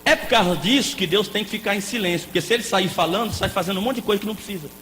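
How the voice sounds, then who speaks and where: A man preaching a lively sermon as a pastor, playful and joking with the congregation. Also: high voice, rapid-fire. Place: church hall. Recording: echoey hall with faint noise.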